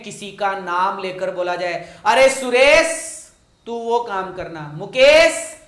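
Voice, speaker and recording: A man with a fairly high voice teaches an online coaching lecture, repeating his phrases and stretching each example sentence out slowly. He calls his students "my child" as he goes. The sound is roomy and echoey. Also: fairly bright tone. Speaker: English teacher.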